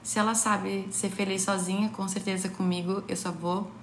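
A woman co-hosting a casual advice podcast from a home kitchen table, telling stories in a lively, playful way. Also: medium pitch, normal speed, a little hiss or hum. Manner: animated, playful storytelling. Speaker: podcast co-host. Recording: roomy kitchen with faint ambience.

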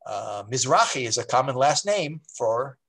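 A man, a rabbi, explaining history in a relaxed, digressive way, with many fillers and restarts. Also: medium pitch, normal speed, gravelly.

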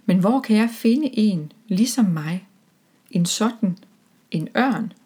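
A woman voicing a lonely, kind-hearted male eagle who is mayor of a small town, read gently in a storybook. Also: medium pitch, expressive, slightly rough. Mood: wistful.

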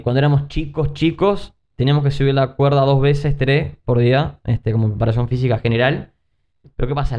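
A Uruguayan man telling lively anecdotes as a podcast guest, acting out other people's lines. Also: medium pitch. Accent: Uruguayan Spanish. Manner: animated anecdotes with acted-out quotes, frequent fillers. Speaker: guest, former gymnast. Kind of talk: casual interview storytelling. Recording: muffled lo-fi podcast audio.

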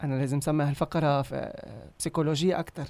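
A man's voice: fairly high pitch, fairly even intonation, racing, gravelly, a little mellow, no room sound. A man with a Lebanese Arabic accent asking casual questions as an interviewer.

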